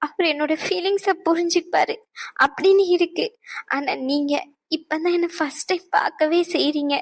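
A woman voicing a young mother in a cartoon who speaks softly and haltingly, full of gratitude. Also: extremely high pitch, steady tone. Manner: soft, halting, emotional. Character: young mother, grateful and tearful. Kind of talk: cartoon voice acting.

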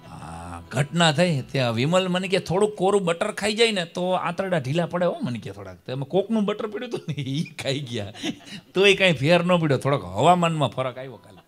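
A man telling comic stories on a live stage, acting out dialogue in lively voices. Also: fairly high pitch, a little fast. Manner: animated, acts out dialogues, bursts of laughter. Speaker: stand-up comedian and storyteller. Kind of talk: live stage comedy storytelling.

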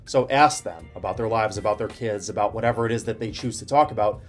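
A man in his thirties giving casual study advice to camera, telling stories in an animated way with lots of "like" fillers. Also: on the low side, fast talker, soft background music. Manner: animated storytelling with frequent "like" fillers.

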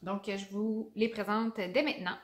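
A woman's voice: medium pitch, fairly even intonation, normal speed. A young woman with a Québécois accent, a teacher chatting enthusiastically about children's books and stumbling on names. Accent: Québécois French. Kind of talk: casual book review vlog. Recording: roomy echo.

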